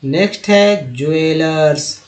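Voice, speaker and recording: Man, teacher, slightly high voice, spells letters then sounds out words, slide lesson. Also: slow. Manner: addresses viewers as friends. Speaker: English teacher. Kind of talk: slide-based reading lesson.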